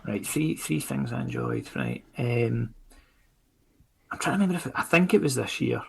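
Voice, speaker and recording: A Scottish comics creator chatting casually as a podcast guest, rambling and self-critical, with lots of fillers. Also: male voice, medium pitch, wildly swooping pitch, normal speed, gravelly, slight background noise. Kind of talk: casual chat.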